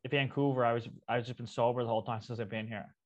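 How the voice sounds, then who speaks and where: A man with a Cape Breton accent chats casually at a rapid clip. He is blunt and foul-mouthed, rambling from one story to the next. The sound is slightly dull and lo-fi. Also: mid-range voice, steady tone. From Cape Breton, Nova Scotia, Canada. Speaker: comedian guest. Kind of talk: casual chat.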